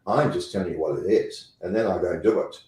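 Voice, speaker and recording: Speaking fast in a low, slightly mellow voice, a South African company president makes his points emphatically as an interview guest, repeating phrases for effect. The room is echoey.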